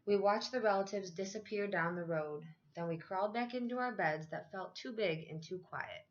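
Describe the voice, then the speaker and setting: In this clip a female teacher performs a children's picture book in a steady, expressive manner, elongating the main phrases. Her voice is mid-range, and the highs in the recording are clipped.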